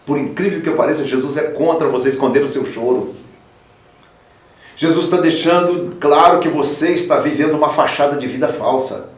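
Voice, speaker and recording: A man, a pastor, preaching a radio sermon, fatherly and emphatic, swinging from loud peaks to soft low tones. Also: normal speed, echoey room, distant mic. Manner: fatherly, calls listeners 'filho'. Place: radio studio.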